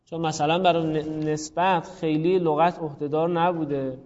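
A man's voice: fairly high pitch, fairly even intonation, darkish tone, big-room sound, dull audio. A man teaching a grammar class, calling on students by name and thinking aloud. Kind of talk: classroom lesson on Arabic grammar.

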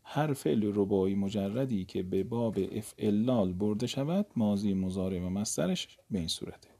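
Man, native Persian speaker, grammar teacher, gravelly voice, recited conjugations and casual asides. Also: on the low side, expressive, warm tone. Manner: drills conjugations slowly, then explains in casual speech. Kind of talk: recorded lesson, reciting verb conjugations.

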